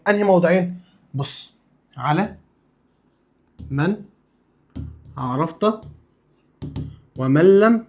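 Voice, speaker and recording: Fast-talking Egyptian male teacher. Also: high-pitched. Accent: Egyptian Arabic. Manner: drills students with repeated questions and answers; casual, playful asides. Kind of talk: religious studies lesson.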